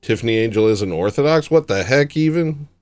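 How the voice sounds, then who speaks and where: A man's voice: mid-range voice, lively intonation, fairly quick, darkish tone. A young man hosting a casual livestream from his home setup, rambling, sarcastic and self-deprecating. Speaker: livestream host.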